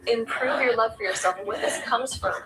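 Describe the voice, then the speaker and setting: A woman's voice: on the high side, a little fast. A woman giving a motivational spiritual card reading, chatty and encouraging, speaking straight to the listener. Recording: distant mic, loud background noise.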